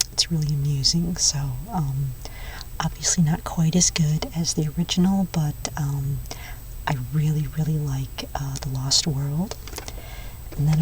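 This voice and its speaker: A woman playing a chatty, nerdy movie-store clerk in an ASMR role-play, soft-spoken and rambling, with unhurried enthusiasm. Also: deep voice, distant mic, slight background noise, rough recording. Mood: chatty, enthusiastic.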